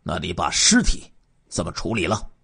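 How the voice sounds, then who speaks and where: A man's voice: low-pitched, huge pitch swings, normal speed, vocal fry, sharp tone, breathy edge, voice pushed down, exaggerated voice. A man voicing a stern male police officer who asks blunt questions in a crime story.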